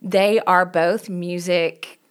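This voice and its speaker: She speaks extremely slowly in a steady, lowish voice with a clean tone. A forties-aged pastor and podcast co-host from Knoxville, Tennessee, she talks casually with a Southern accent, warm and earnest but rambling and restarting.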